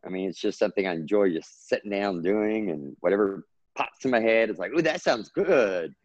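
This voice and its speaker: A Texan writer with a Texan accent chats earnestly and at length as a guest in a casual interview, his pitch rising when he gets excited. He talks at normal speed, and the recording is muffled with no echo.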